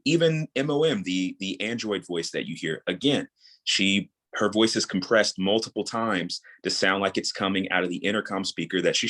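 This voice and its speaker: A man in his thirties, his voice on the low side and somewhat bright, is a guest on a podcast in a casual interview. He creates audio dramas and explains his craft, going back over key points for emphasis.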